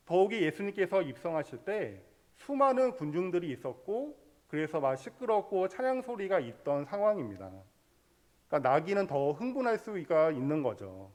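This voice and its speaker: Male pastor giving a sermon, kinda high voice that moves around a lot, explains things patiently. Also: darkish tone. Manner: explanatory, leads congregation in scripture reading.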